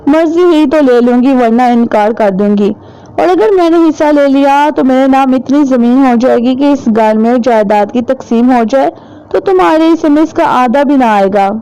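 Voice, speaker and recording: Woman voicing proud rich young wife in a storybook, boastful, quick, a bit high, smooth. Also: warm tone, highs cut off.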